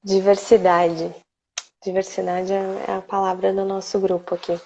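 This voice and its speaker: Gravelly-voiced woman hosting a live stream. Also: medium pitch, level tone, moderate pace, dark tone, a little hiss or hum. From Brazil. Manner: chatty, greets viewers by name. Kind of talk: casual live chat. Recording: slightly dull lo-fi stream audio.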